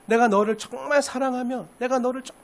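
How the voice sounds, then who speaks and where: A gentle, affectionate divine voice speaks softly to a believer, as a man voices it within a sermon. He uses a quieter and more hushed tone than his usual preaching. His voice is still very high. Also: fairly even intonation, brisk. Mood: tender. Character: tender loving God speaking to a believer.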